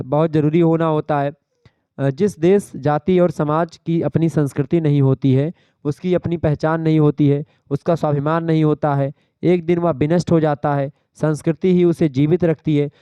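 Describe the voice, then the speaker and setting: A man's voice: fairly high pitch, dark tone, smooth, no echo. A male teacher giving an exam revision lecture, explaining terms step by step and checking that his students follow.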